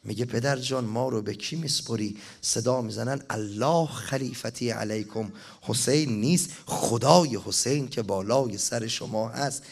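A man's voice: fairly low pitch, vocal fry, darkish tone. A man preaching a mourning sermon, reading an elegy and chanting it, at times rising to impassioned cries.

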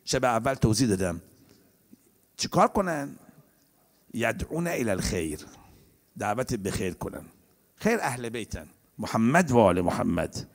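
A man delivers a sermon with a gravelly edge to his voice. His pitch rises and falls dramatically as he moves between slow, chanted scripture and brisk explanation. He often pauses to put questions to his congregation. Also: very animated. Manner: quotes Arabic scripture in a slow chant, then explains in quick conversational Persian. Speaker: preacher. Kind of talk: religious sermon.

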